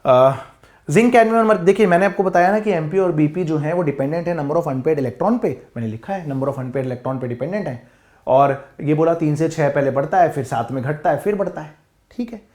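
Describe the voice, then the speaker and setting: A man teaching chemistry to students in a classroom, talking to them directly in a lively lecture. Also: on the high side, a little fast. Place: classroom with board.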